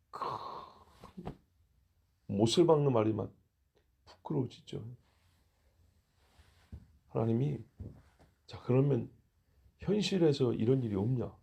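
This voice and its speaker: A male pastor preaching a dawn sermon in a church. His voice is gravelly and husky at a middle pitch. He talks to the congregation plainly and keeps asking them rhetorical questions. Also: warm tone, lo-fi sound.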